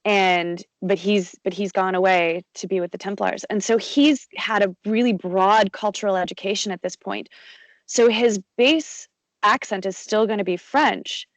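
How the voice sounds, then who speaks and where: A woman voice actor chats about her craft in a relaxed interview, full of "you know"s, restarts and quick laughs. Her voice sits at an ordinary middle pitch. The sound is dry and close, with no room around it. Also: no echo, low-quality recording. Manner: chatty, lots of fillers and restarts, laughs easily. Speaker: audiobook narrator and voice actor. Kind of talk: conversational interview.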